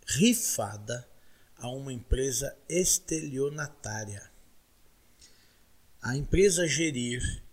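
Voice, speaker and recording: A Brazilian man in his forties from Guarulhos, São Paulo, speaks with a São Paulo accent as a political candidate answering interview questions. His voice is medium-pitched and a little mellow with a breathy edge, and his delivery is emphatic, repetitive and oratorical.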